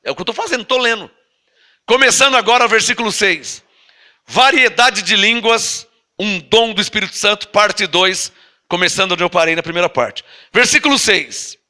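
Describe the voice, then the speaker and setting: An apostle with a Brazilian Portuguese accent preaches a Bible-teaching sermon to a congregation, reading scripture slowly and drawn out before explaining it emphatically and prodding listeners with rhetorical questions. His voice is high-pitched, pushed and bright.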